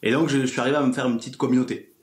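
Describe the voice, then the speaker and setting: A Frenchman in his twenties from a small village, an ASMR video creator, chats casually as a podcast guest and explains things informally. His mid-range voice keeps a fairly even intonation and moves very fast. The room sounds echoey.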